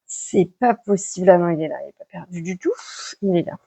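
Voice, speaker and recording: A woman's voice: on the low side, brisk, vocal fry, warm tone, slightly rough. A woman reading tarot cards for weekly guidance in a casual, chatty way, with many fillers and self-corrections. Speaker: tarot card reader giving weekly guidance. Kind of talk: casual spoken vlog.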